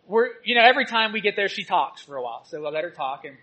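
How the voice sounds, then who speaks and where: A male church teacher preaching a sermon, telling personal stories and swinging between loud exhortation and soft asides. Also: sits high, lively intonation, fast talker, rough recording.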